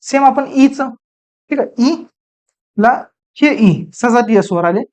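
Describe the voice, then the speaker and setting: Woman grammar teacher with a slightly high voice, drilling terms through self-answered questions. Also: expressive, takes it slowly, a little mellow. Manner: asks the class questions and answers them herself, repeating key terms. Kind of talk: exam-prep grammar lecture.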